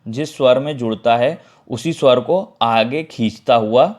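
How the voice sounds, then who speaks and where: A male teacher with a Madhya Pradesh Hindi accent gives a grammar lesson. His voice sits at a middle pitch, neither high nor low. He explains each point step by step, repeats the terms, and keeps checking that the class is following. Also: a little slow, a little mellow.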